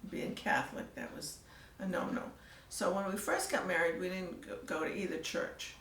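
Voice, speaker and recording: An older woman telling her story in a casual interview, soft-spoken and trailing off into near-whispers. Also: on the low side, moderate pace, a little hiss or hum. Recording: echoey room, mic at a distance, faint ambience.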